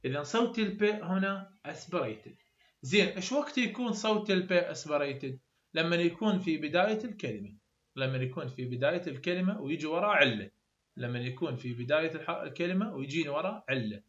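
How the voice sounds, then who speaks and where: A man's voice: on the high side, lively intonation, a little fast, fairly bright tone. A man with an Iraqi Arabic accent giving an explanatory lecture as a university tutor, repeating example sounds over and over. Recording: roomy, dull lo-fi sound.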